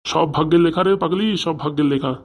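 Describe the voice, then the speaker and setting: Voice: mid-range voice, fairly quick, lightly acted. Someone voicing a weary, reproachful cartoon father. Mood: resigned. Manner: reproachful, resigned. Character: weary rural father, hurt by his son. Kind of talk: cartoon voice acting.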